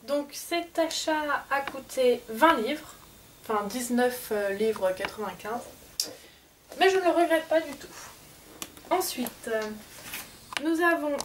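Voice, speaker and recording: Slow and expressive, a high-pitched woman pauses often as she casually presents her souvenir collection on camera, chatty yet hesitant and heavy on fillers. It's an unboxing vlog. She's far from the mic, with faint noise behind her.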